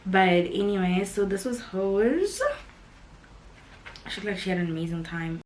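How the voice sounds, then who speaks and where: A young woman with a South African accent chats to camera as a vlogger. She rambles happily with lots of "like" and frequent laughs, and her voice sounds rough because she is sick. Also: medium pitch, a little slow, darkish tone, a little hiss or hum. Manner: chatty, full of "like", laughs often. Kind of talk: casual chat to camera.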